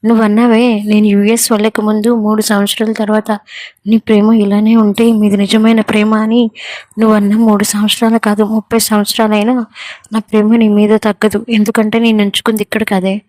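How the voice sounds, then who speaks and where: A woman's voice: mid-range voice, little pitch movement, brisk, a little mellow, no room sound, natural voice. Woman reading as a stern young husband. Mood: earnest.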